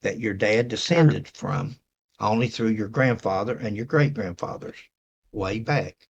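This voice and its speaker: A man's voice: lowish voice, measured pace, vocal fry, husky, highs cut off. A man with an Appalachian accent hosting a casual, rambling talk to viewers and reading messages aloud. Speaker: host.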